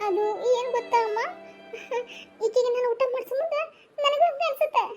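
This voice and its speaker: A woman's voice: very high-pitched, fairly quick, mellow, lo-fi sound, faint music behind. A woman playing a tender, emotional elder sister who speaks. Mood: wistful.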